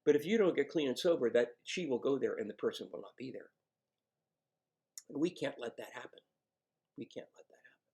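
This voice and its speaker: A man working as an addiction counselor, coaching a patient one-on-one in a gentle, coaxing, self-mocking way. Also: medium pitch, animated, a little fast.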